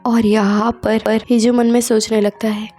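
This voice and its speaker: A woman casually retelling a comic story in a chatty, expressive way. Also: fairly high pitch, normal speed, faint music behind.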